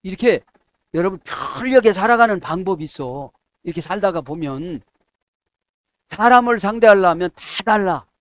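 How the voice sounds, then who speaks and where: A middle-aged man preaching a sermon as a pastor, checking in with his listeners and acting out quoted prayers in a softer, lower voice. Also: expressive, normal speed, no echo. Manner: asks the congregation "에?" to check agreement.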